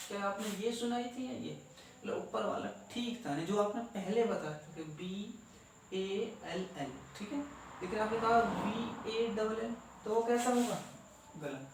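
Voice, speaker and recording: A man teaching an English grammar lesson, asking questions and answering them himself and spelling out letters one by one. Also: high-pitched. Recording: echoey room, voice from far off, faint noise.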